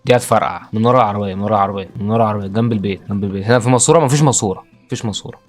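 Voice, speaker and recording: A man's voice: on the low side, rapid-fire, soft background music. A young Egyptian man with an Egyptian accent, commentating his own gameplay, frustrated and repeating himself as he talks through each move. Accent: Egyptian Arabic. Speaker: gaming YouTuber.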